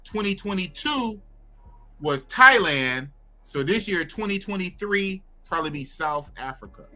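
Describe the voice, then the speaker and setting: A man's voice: high-pitched, animated, a little slow, pushed and bright. A man in his fifties hosting a casual chat, asking loose questions in a slangy, repetitive way. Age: 50s. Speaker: host.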